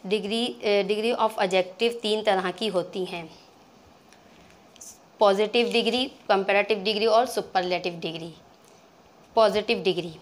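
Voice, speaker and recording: A woman teaches grammar in a patient, step-by-step voice. She repeats each term and often pauses or restarts mid-phrase while working through examples. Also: medium pitch. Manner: patient, repeats terms, many fillers and restarts.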